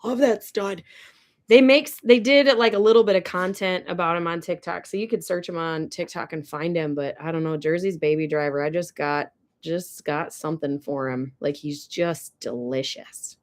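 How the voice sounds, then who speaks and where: Here the livestream host is a young woman with a deep voice, talking at normal speed with few pauses. Broadcasting from a ranch barn or home, she chats casually, gushes, and takes viewer comments.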